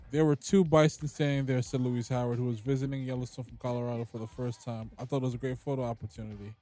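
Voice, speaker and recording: A man's voice: medium pitch, mellow. A man co-hosting a podcast, reading a news story aloud in casual slang and stumbling over words. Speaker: podcast co-host.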